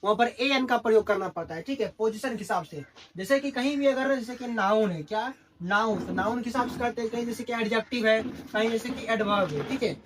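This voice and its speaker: A man's voice: sits high, a little fast, background noise. Male tutor, call-and-response classroom delivery. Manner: constantly asks and answers his own questions. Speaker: English grammar teacher. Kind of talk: classroom lesson in Hindi.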